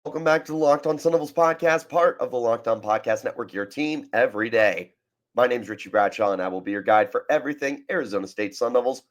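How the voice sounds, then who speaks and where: A man hosting a sports podcast, sick with a cold that leaves his voice raspy, talking in a chatty, self-deprecating, energetic way. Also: mid-range voice, fast talker. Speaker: podcast host.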